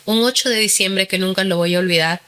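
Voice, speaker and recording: A woman's voice: medium pitch, brisk, bright, forceful tone, clear, resonant tone. A woman in her forties with a Peruvian Spanish accent, a guest recounting her personal testimony in earnest storytelling, with frequent fillers. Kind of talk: testimony interview.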